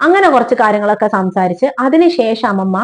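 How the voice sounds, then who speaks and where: A woman's voice: on the high side, fast. A young woman, telling a personal story in a heartfelt, conversational way. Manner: heartfelt, conversational, animated retelling.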